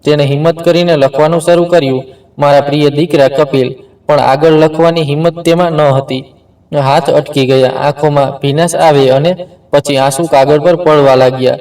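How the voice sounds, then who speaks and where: A man narrating an emotional story in a steady, earnest way. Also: on the high side, distant mic, poor audio.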